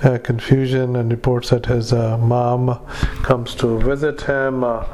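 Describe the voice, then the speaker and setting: A man, a doctor, dictating a medical report into a dictaphone recording, halting with many fillers and spelling out names. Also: mid-range voice, little pitch movement, darkish tone, a little hiss or hum.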